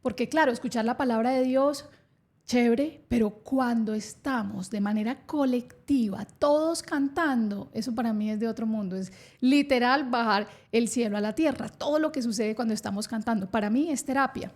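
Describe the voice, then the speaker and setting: A woman's voice: fairly high pitch, normal speed, darkish tone. A woman hosting a science podcast, explaining with enthusiasm and an occasional laugh. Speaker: podcast host.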